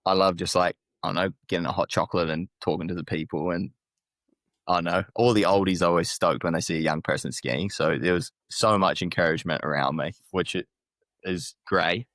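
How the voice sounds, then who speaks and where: Young man, New Zealand accent, low voice, laid-back storyteller, dry close sound. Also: a little fast, a bit bright, dry recording. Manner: laid-back storytelling, swears and laughs often. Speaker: podcast guest, athlete. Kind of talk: casual chat.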